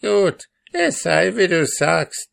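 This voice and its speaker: Brief: male reader putting on a shrill, hoarse old hag, mocking and sly, storybook villain. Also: big pitch swings, slow, fairly bright tone, full character voice. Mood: scheming. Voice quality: hoarse, cackling. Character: spiteful hook-nosed old crone, a witch.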